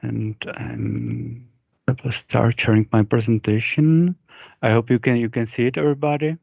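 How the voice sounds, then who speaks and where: A young man with a native Czech accent presents informally, picking through his English with hesitant repeats. His medium-pitched voice sounds dry and slightly dull, as over an online call. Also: steady tone, moderate pace, gravelly, darkish tone, slightly rough, no room sound. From Czech Republic. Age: young adult. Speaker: presenter for a young engineers' group. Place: online video meeting.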